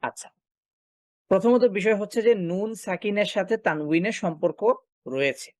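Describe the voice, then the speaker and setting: A man teaching a recitation class, explaining step by step and asking and answering his own questions, often pausing with filler sounds. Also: sits high, animated, no echo, clean studio sound. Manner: frequent filler sounds while thinking. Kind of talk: online class lecture.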